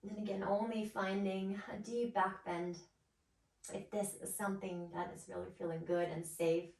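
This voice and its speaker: A woman guiding a yoga class as instructor, with a gentle, nurturing and encouraging manner. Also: mid-range voice, level tone, moderate pace, gravelly. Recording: roomy echo, distant microphone.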